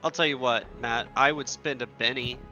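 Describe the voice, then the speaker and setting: A man's voice: mid-range voice, steady tone, normal speed, pushed and bright, muffled recording, faint music behind. A man playing in a tabletop game, chatting casually, swearing and saying "like" a lot. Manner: casual, swears, says "like" often. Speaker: player.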